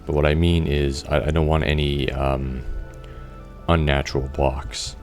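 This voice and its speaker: Male gameplay commentator, extremely deep voice, loose casual rambling, occasional swearing. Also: level tone, a little slow, darkish tone, soft background music. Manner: rambling, thinks aloud, frequent restarts and fillers. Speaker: gameplay video creator.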